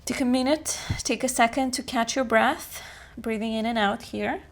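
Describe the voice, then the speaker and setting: A young woman teaching a beginner yoga class, calmly cueing each breath and pose and encouraging the students between rounds. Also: on the high side. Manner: slow, calm cueing of breath and poses. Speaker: yoga instructor. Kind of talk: guided yoga class instruction.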